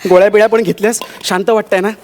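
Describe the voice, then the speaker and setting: An actor playing a flustered, doting young husband in a stage comedy sketch. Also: male voice, high voice, little pitch movement, rapid-fire, slight background noise, natural voice. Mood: fussing. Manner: exclamatory and fussing. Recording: live stage with loud music and audience laughter.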